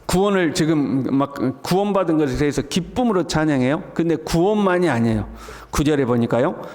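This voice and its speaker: A man with a notably high voice preaches an early morning sermon in a church sanctuary. His voice rings out with a long reverb through the room. He leaps into loud, exuberant exclamations when he acts out the calls to praise. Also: brisk. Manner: swings to loud excited exclamations when voicing the psalm's call to praise. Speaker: pastor.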